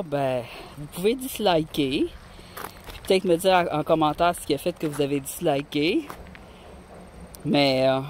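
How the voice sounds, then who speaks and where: A woman's voice: deep voice, darkish tone. Québécois woman vlogger, rambling and friendly, phone in hand, light wind-like ambience. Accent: Québécois French. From Quebec. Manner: chatty and rambling, talks to viewers. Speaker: rock-hunting vlogger. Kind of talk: casual outdoor vlog narration. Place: outdoors on a mountain. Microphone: handheld phone camera.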